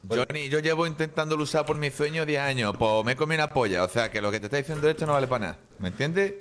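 A man's voice: on the high side, lively intonation, fast talker, a bit bright. A young man with a Spain Spanish accent, joking and swearing as he plays a game with a friend. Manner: exclamatory, swears a lot. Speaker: co-player. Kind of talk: casual gaming banter. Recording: clear background noise.

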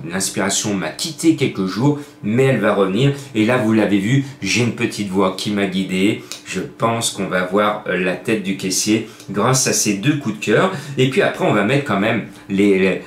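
A man's voice: on the low side, moderate pace, hardly any pauses, reverberant. A man giving horse racing betting tips in a chatty, rambling, joking way with many fillers. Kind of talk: casual betting tips video.

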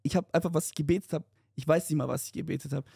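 A young man co-hosting a podcast, telling a story in casual chat, animated and mixing in English slang. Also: on the high side, rapid-fire, vocal fry, husky, no echo, studio quality. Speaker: podcast co-host.

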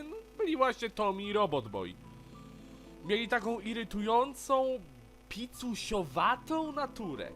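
A man's voice: high voice, a bit bright. A man narrating a casual video review of a cartoon, frank and opinionated in a chatty way.

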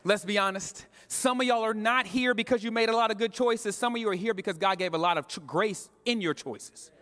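His voice is high and sharp, a little fast, as he preaches a live sermon and chats casually with the congregation using slang. The sanctuary's long reverb fills the recording.

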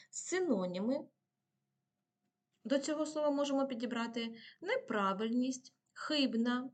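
A woman teacher giving a patient video lesson to primary pupils, asking questions and answering them herself. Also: fairly high pitch.

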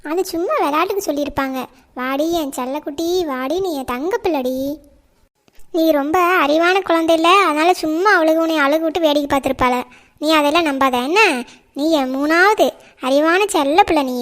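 A woman voicing an affectionate village mother in a cartoon, cooing softly and fondly. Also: high voice, a little fast, close to an everyday voice. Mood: doting. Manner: soft, cooing and fond. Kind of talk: cartoon voice acting.

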